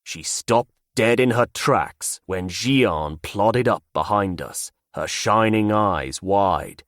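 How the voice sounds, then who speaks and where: Low-voiced male audiobook narrator. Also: lively intonation, slow pace, a bit bright, no room sound, studio quality. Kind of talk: first-person scripted narration.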